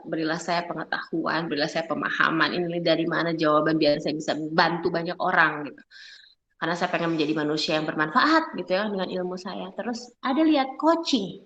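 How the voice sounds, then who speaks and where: A middle-aged woman, giving a lively public speaking seminar and asking her audience one rhetorical question after another. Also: lowish voice. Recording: roomy, muffled hall recording.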